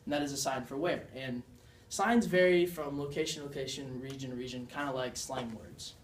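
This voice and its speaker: A man's voice: medium pitch, a little fast, slight background noise. A young man giving a class presentation as a student, explaining and demonstrating signs in an earnest way. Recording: echoey room, mic far off.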